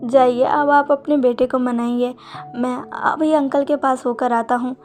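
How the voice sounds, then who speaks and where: A woman voicing a calm, polite and reserved young husband in a storybook reading. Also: high voice, measured pace, soft background music.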